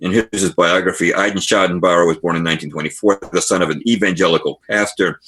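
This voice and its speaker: A man speaks as a guest author in a podcast interview, his voice low and husky. He explains history as a string of stories and stops to read passages from books. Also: fairly even intonation, quick pace, fairly bright tone. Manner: storytelling, reads passages aloud from books.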